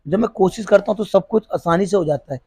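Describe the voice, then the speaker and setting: This middle-aged man, a police officer who runs a school, has a high voice and talks fast, with a creaky, slightly mellow, breathy quality in a dry recording. He answers interview questions earnestly in a Hindi accent, often repeating and restarting his sentences as he searches for words.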